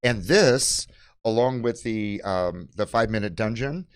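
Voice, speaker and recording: A presenter of library program kits speaks off the cuff while showing products, his delivery halting and strewn with fillers. He has a lowish male voice with a clear, resonant tone. The recording is very dry, with no room sound at all.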